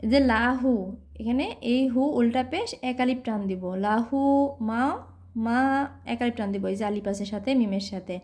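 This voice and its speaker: A woman teaching Quran recitation, patiently explaining pronunciation step by step and chanting each verse slowly. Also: a little high, fairly even intonation, a little mellow. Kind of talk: slow recitation lesson with drawn-out chanting.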